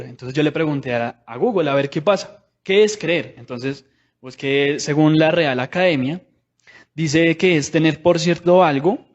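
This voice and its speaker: Guy preaching casually, keeps asking the church questions, kinda muffled lo-fi sound. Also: a little high. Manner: conversational, asks the congregation many rhetorical questions. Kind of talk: sermon.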